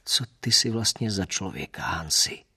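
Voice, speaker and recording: A man voicing a troubled young male seminarian who speaks haltingly and reluctantly, as if every word is a burden. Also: low-pitched, lively intonation, pushed and bright, slightly rough, full character voice.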